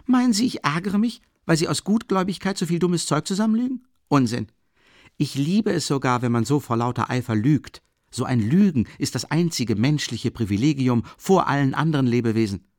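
Raised, gravelly, lively voice: a narrator playing a drunk, effusive young man, loud and fervent. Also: on the high side, brisk, dry recording, clean studio sound, voice pushed up. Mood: ranting. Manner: fervent, ranting, shouting.

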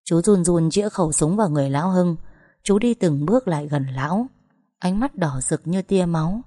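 Woman, story narrator, emotional, low pitch, dark mellow tone, dry close recording. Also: expressive, fairly quick, no room sound. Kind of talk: first-person dramatic story narration.

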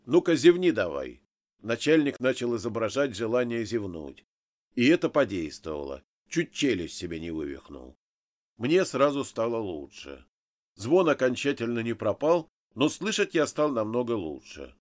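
Man, audiobook narration, first person, lively intonation, mid pitch. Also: normal speed.

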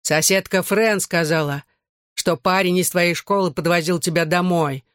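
Narrator putting on a drunk brutal dad in an audiobook, barking and slurring, dry close sound. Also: female voice, fairly low pitch, steady tone, moderate pace, fairly bright tone, no echo, lightly acted. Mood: drunk, furious. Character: drunk violent middle-aged father.

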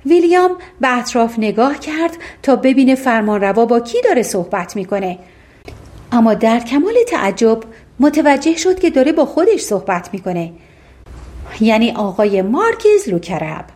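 A woman's voice: a little high, big pitch swings, a little mellow. A woman narrating a fairy tale audiobook, reading expressively and voicing the characters herself.

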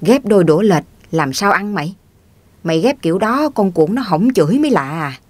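A woman's voice: lowish voice, animated, fairly quick, darkish tone, no room sound. Fields: Figure: old countryman, folksy. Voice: woman reading as an old man. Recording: dry. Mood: chiding. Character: elderly rural man, teasing and easygoing.

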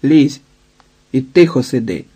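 A man's voice: medium pitch, expressive, measured pace, warm tone, breathy edge. A man voicing a sly, greedy older male smuggler who haggles and asks predatory questions, in an audiobook. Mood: eager.

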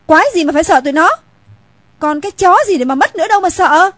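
A woman's voice: very high voice, lively intonation, no room sound, studio quality. A woman playing a fiery, foul-mouthed young woman. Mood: angry. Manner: fast, brash, coarse talk. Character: fiery young woman, blunt and quick-tempered.

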